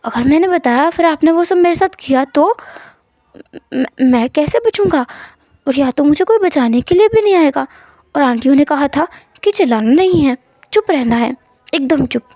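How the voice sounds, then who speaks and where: Woman doing a shy young guy who stammers a lot, high light voice, timid, dry close sound. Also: expressive, normal speed, warm tone, no echo. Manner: stammering, hesitant.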